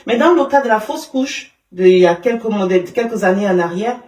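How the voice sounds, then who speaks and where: A woman giving an emotional personal testimony in an interview, halting, with many fillers and restarts. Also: mid-range voice, lively intonation, a little mellow. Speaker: interview guest. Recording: roomy sound from a distance.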